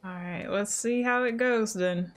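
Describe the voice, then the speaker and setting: Playful woman, unhurried gamer commentary. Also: mid-range voice, a little hiss or hum. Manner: playful, chatty. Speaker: gamer, let's player. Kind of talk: casual gameplay commentary.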